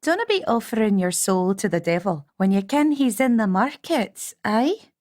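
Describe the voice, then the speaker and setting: A man voicing a young, formidable witch woman with a Scottish accent, chiding in brisk dialect, for an audiobook. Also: high-pitched, very animated, darkish tone, voice pushed up. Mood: firm. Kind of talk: audiobook character voice.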